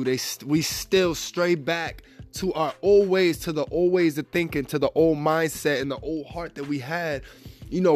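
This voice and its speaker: Upbeat stuffy-voiced man hosting a faith podcast. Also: fairly high pitch. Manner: upbeat, often says "man" and "y'all". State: stuffy, a little raspy. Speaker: podcast host.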